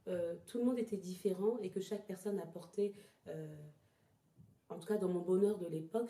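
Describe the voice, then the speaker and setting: Speaking softly in a dark, relaxed, slightly low voice, a woman from Togo, by way of Ghana and then France from childhood, responds to an interviewer. The traditional therapy practitioner reflects as she talks, frequently pausing and repeating words to land on the right phrase. The house setting gives a roomy, echoing sound.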